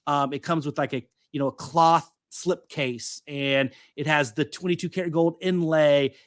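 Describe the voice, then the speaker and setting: A man co-hosting a casual podcast, rambling with many fillers and restarts. His voice sits a touch high, and the sound is close and dry. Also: steady tone, normal speed, no echo. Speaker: podcast co-host. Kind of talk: casual chat.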